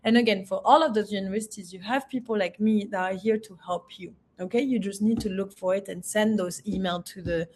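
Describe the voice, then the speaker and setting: A woman from France, a university representative, giving a webinar presentation with many pauses, fillers and restarts. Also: mid-range voice, a little mellow, a little hiss or hum.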